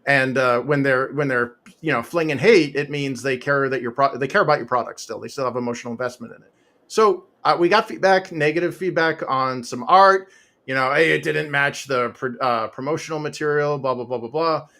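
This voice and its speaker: Talking fairly quickly in a mid-range voice with a bright, forceful tone, a comic author in his forties or fifties chats as an interview guest. The conversation is loose and rambling, packed with fillers, restarts and laughs, recorded on a home podcast mic fitted with a pop filter.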